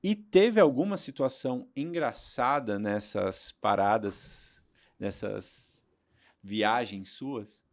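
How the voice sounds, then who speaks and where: A male podcast host with a slightly low-pitched voice runs a relaxed interview. He asks questions and adds short, encouraging remarks while his guest talks. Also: slow pace. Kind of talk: casual interview.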